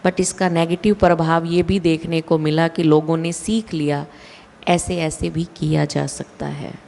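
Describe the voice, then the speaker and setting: Woman giving a spiritual talk, real slow and careful, lowish voice, hall echo. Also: level tone, gravelly, warm tone. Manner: slow, deliberate, with emphatic rises. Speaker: spiritual speaker. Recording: long hall reverb.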